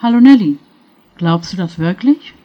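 A woman's voice: fairly low pitch, lively intonation, normal speed, lo-fi sound. Patient, kind middle-aged man, as a woman reads him. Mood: gentle. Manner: patient, gentle. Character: gentle middle-aged male spirit guide, patient and kind.

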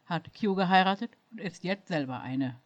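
A woman reading a German fan story aloud, voicing a patient, good-humoured young man who explains things calmly. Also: on the low side, normal speed, no echo, dull audio, natural voice. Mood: amused. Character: patient, amused young man, a calm helper.

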